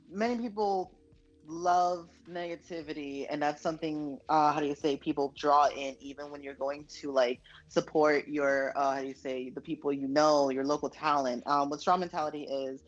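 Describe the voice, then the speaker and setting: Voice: mid-range voice, lo-fi sound. A guest poet from the United States talking earnestly in a casual interview, with many fillers and restarts.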